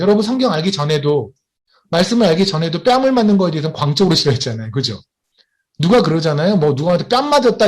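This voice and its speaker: Animated man preaching a sermon. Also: high-pitched. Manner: animated, asks the congregation questions often. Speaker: missionary preacher.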